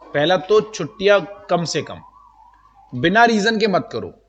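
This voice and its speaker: A male teacher with a notably high voice, lecturing to a room of students. He talks to them directly and chattily, dropping English terms into his speech. The room rings with a long, lingering reverb. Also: big pitch swings, a little slow, fairly bright tone, highs cut off. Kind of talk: live classroom lecture. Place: classroom with students.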